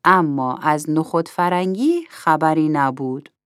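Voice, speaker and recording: A woman narrating a children's story in an expressive storytelling manner. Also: deep voice, clear, resonant tone, no echo, clean studio sound.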